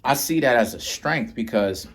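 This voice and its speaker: Originally from Trinidad and Tobago and raised in New York City, this tarot-reading vlogger in his 30s chats casually to the camera in a rambling way. He often finishes lines with "right?" or "you know what I'm saying," his mid-range voice lively in intonation at normal speed.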